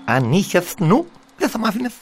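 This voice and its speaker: Storybook role: a sly, mocking little fish with a high voice that swoops all over, played by a man, with a gravelly edge. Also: huge pitch swings, music in the background, heavily acted. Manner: pleading, then teasing. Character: small bony talking fish, sly and mocking.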